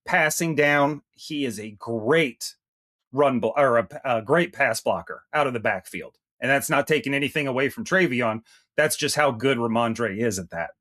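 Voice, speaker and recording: A brash man cohosting a casual podcast, joking around and swearing freely as he talks. His voice sits at an ordinary middle pitch. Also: normal speed, fairly bright tone. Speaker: podcast co-host. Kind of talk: casual sports chat.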